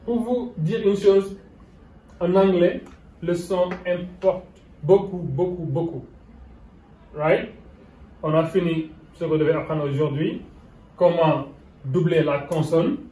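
A man's voice: a little high, slow, pauses often, warm tone, far from the mic. A man from Senegal with a Senegalese French accent, whose first language is Wolof, teaching English grammar at a whiteboard, switching between French and English and checking in with "okay?". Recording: roomy sound from away from the mic.

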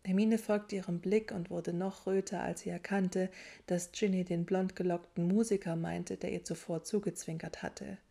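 A woman narrating a story in a steady storytelling way. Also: fairly low pitch, moderate pace, vocal fry. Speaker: audiobook narrator. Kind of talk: scripted narration of a fan story.

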